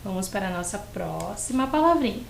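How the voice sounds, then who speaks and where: A Brazilian woman teaching a lesson to young children, drawing out syllables slowly and patiently. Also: mid-range voice, expressive, vocal fry, roomy sound, slight background noise, poor audio. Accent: Brazilian Portuguese. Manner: stretches words and syllables, patient and encouraging. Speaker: primary school teacher. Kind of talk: slow, clearly spelled-out lesson for young children.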